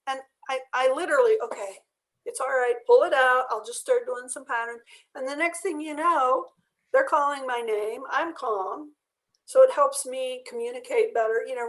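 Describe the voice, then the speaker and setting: A woman leading an online drawing class, explaining each step in a relaxed, chatty way while losing her voice. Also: fairly high pitch. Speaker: art workshop instructor. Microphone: video call.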